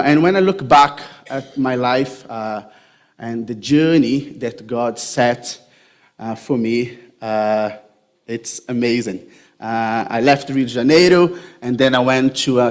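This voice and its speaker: A man gives a church sermon and talks at an unhurried, deliberate pace. His pitch sits in an ordinary middle range, and his manner is chatty and jokey as he speaks straight to the people in front of him. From Brazil. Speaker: pastor.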